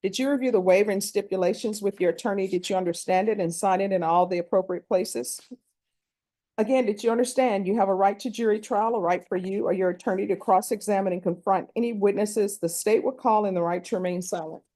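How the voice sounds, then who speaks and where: A woman judge on a courtroom recording, reading formal questions one after another in a brisk, practiced way. Her voice is mellow and on the dark side, pitched in the middle for a woman. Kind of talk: formal plea admonishments.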